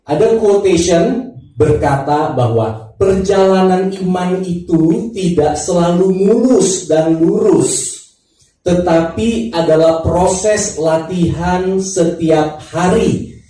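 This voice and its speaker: A man from Thailand serving as pastor, praying and then preaching a sermon in a church service and inviting the congregation to answer back, unhurried and with pauses. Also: high voice, mellow. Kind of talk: sermon with opening prayer. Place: church worship hall. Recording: very echoey hall, mic at a distance, faint music.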